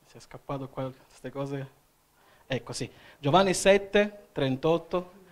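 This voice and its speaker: A man's voice: medium pitch, slow pace. A man from Italy preaching a sermon as an evangelist in a church, often calling "Amen?" to the congregation. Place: church hall.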